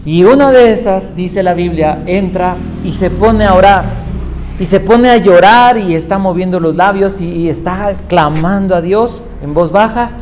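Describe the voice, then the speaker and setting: A man's voice: sits high, a little slow, darkish tone. A male pastor giving a sermon, retelling Bible stories and putting questions to his listeners. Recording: echoey hall with faint noise.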